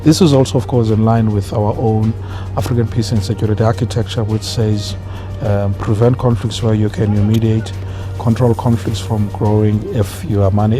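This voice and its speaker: Low, even-toned man in interview. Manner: halting, measured, repeats phrases. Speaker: mission official interviewee. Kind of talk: unscripted interview remarks. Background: prominent background music.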